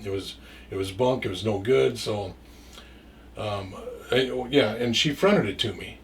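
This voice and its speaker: A man's voice: fairly low pitch, a little slow, distant mic, slight background noise. A man telling a story from his past in a casual, rambling way, stumbling over and repeating words and swearing freely.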